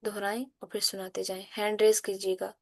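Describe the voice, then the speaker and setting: A woman teaching an online Quran recitation class, explaining letter sounds patiently and chanting verses in a slow, melodic way. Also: mid-range voice, little pitch movement. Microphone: computer mic on a video call.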